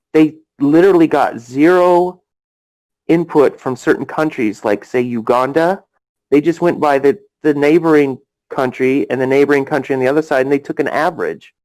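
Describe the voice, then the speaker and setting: A man's voice: a little high, darkish tone, rough recording. A man hosting a casual voice chat, rambling with lots of fillers and talking over the others. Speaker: voice chat host.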